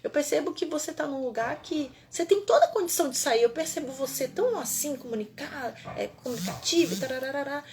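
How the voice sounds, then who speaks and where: A woman quoting a kind, encouraging female coach who offers her help, in a brisk and upbeat way. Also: high-pitched, animated, darkish tone, slight background noise.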